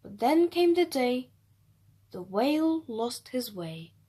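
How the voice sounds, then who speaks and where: A woman reading a rhyming children's story aloud in an expressive, measured way. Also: high voice, husky.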